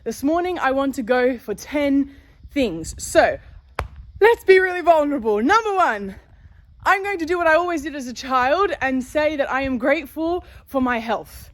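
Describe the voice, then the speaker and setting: A woman's voice: high-pitched, animated, moderate pace. A woman vlogs casually, chatty and candid, with a slight lisp from wearing a dental retainer. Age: 30s. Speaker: vlogger. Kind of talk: casual chat to viewers.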